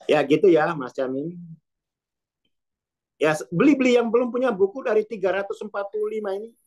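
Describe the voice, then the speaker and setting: A man's voice: sits high, expressive, brisk, darkish tone. A man giving an informal, rambling self-development lesson over a video call, speaking in a loose, colloquial way.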